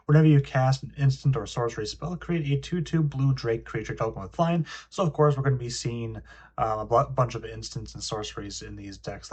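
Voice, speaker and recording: A man's voice: medium pitch, a little mellow, breathy edge. A young man hosting a casual card game review, reading card text aloud between frequent ums and uhs. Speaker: card game video host.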